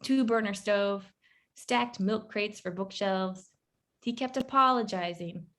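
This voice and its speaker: A woman author reading her own short story aloud in a measured, wry first-person narration. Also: mid-range voice, a bit bright.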